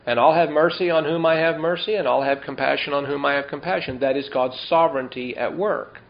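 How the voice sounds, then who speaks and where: A man preaching a sermon, reading scripture slowly and emphatically and asking the congregation rhetorical questions. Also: a little high, creaky, slight background noise. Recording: dull lo-fi sound.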